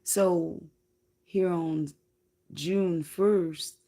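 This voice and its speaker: Slow, gravelly-voiced woman storyteller. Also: on the low side, fairly even intonation, mellow. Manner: slow, drawn-out, reflective, casual swearing. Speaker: livestreamer. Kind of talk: casual spiritual storytelling.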